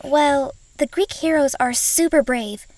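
Woman as a high-voiced shy schoolgirl. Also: measured pace, darkish tone, no room sound. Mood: thoughtful. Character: shy, bookish young schoolgirl new in town. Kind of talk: comic dub voice acting.

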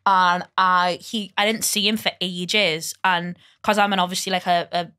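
A young woman with a Liverpool accent, a podcast guest telling stories in casual chat, swearing freely and laughing often, recorded on a close boom mic in a small studio. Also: fairly even intonation, moderate pace, sharp tone. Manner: chatty, laughing storyteller who swears freely.

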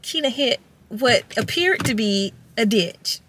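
A woman's voice: a little high, expressive, a little slow, fairly bright tone, a little hiss or hum. A woman, telling a story casually in a vlog. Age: 30s. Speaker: vlogger.

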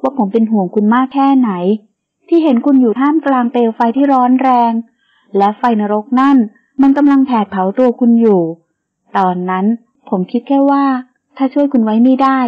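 A woman's voice: sits high, moderate pace, phone-quality sound. A woman reading an audio novel, voicing a wounded young sheikh who speaks to his wife in an intense, loving, earnest way. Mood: overjoyed. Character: young sheikh hero, wounded, devoted, teasing.

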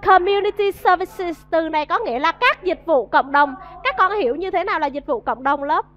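A woman's voice: sits high, lively intonation, brisk. A woman with a Vietnamese accent teaching an English vocabulary lesson to a class, coaxing answers and drilling pronunciation. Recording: dull lo-fi audio.

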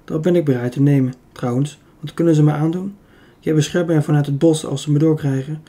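A man voicing a calm, confident young woman. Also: on the high side, brisk, natural voice. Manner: calm, persuasive.

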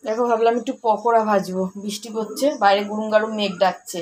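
A woman's voice: medium pitch, fairly even intonation, fast, a little mellow, rough recording. A woman, chatting casually at home about her day in a rambling, homely vlog style. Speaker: homemaker vlogger. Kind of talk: casual daily-life vlog narration. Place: at home, indoors.

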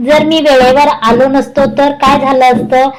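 A woman reading the lines of a caring young husband who scolds and teases his wife, in her own high voice. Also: level tone, unhurried, poor audio. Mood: worried, scolding. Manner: scolding and teasing.

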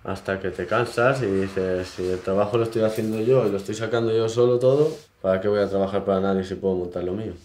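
A man in his twenties, a barber, chatting casually while shaving a client in his small shop, in short relaxed phrases. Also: on the low side, fast, few pauses. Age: 20s. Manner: relaxed, modest, talks in short trailing phrases. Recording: roomy shop echo, faint noise.

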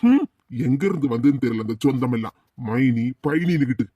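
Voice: mid-range voice, expressive, fairly quick, warm tone, muffled recording, lightly acted. A voice actor playing a hot-tempered village man with a Tirunelveli accent, scolding and threatening his niece in a cartoon. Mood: angry scolding. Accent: Tirunelveli Tamil.

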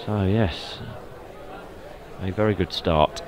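A man's voice: deep voice, slow pace. A man co-commentating on darts in a conversational style with brief, understated remarks. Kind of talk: live sports commentary, conversational. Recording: noisy venue with crowd behind. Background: crowd murmur.

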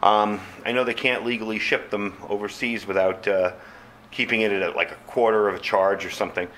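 A man with a lowish, slightly bright voice hosts his channel and gives an unscripted, casual product review, chatting informally and calling his viewers "folks." He talks fairly quickly with fairly even intonation over slight background noise.

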